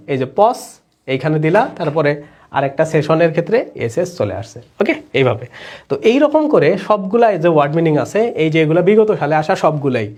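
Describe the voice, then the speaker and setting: A man's voice: on the high side, a little mellow. A young man, teaching an online exam-prep English class, explaining step by step and asking the students questions. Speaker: English teacher for admission exams. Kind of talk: online lecture.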